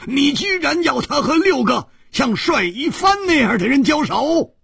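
A man playing a loud, stammering hothead swordsman. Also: very high-pitched, sing-song, unhurried, vocal fry, dry recording, clean studio sound, voice pushed up, full character voice. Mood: outraged. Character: hot-tempered young male swordsman, blunt and excitable.

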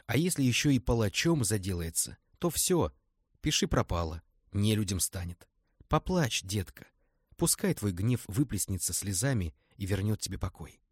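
A man's voice: lowish voice, husky, no echo, studio quality. A man reading aloud and voicing an older colonel, a teasing, folksy uncle figure. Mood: comforting.

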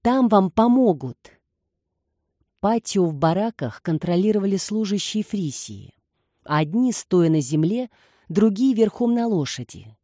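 A woman narrating a novel aloud in a steady, measured reading. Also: medium pitch, no echo, studio quality. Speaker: audiobook narrator. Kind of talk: scripted narration.

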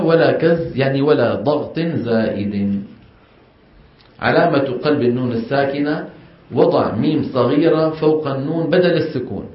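A middle-aged man teaches Quran recitation, explaining step by step, questioning the class and modeling the sounds. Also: medium pitch. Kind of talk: classroom lesson. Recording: echoey room, dull sound.

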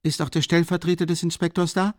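Brief: male reader doing a detached young ex-student, slow and eerily calm, voice pitched a bit high for an audiobook, close and dry. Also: no echo, natural voice. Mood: detached, brooding. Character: brooding young former student, calm and strange.

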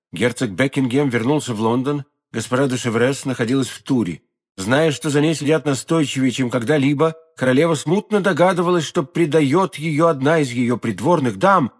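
A man reads a classic novel as an audiobook, telling the story in a measured, expressive way with a medium-pitched voice.

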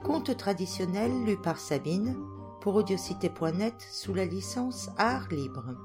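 A woman's voice: medium pitch, expressive, a little slow, music in the background. Woman reading a fairy tale aloud. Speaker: narrator. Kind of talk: storybook reading.

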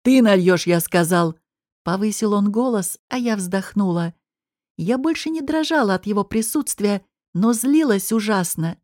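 A female audiobook narrator reads a first-person story in a measured, expressive way. Her medium-pitched voice is recorded at studio quality with no echo.

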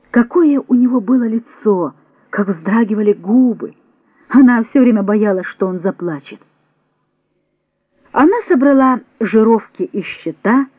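Brief: woman audiobook narrator, expressive and varied, dry, lo-fi recording. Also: a little high, husky, no room sound. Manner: expressive, measured reading. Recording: dry, tinny phone-like sound.

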